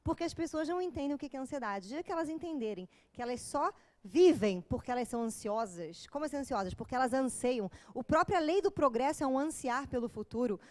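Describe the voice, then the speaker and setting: A woman's voice: high voice, lively intonation, quick pace, hardly any pauses, darkish tone. A woman with a Brazilian Portuguese accent giving an informal, joking lecture to a live audience. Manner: joking, chatty, with acted asides.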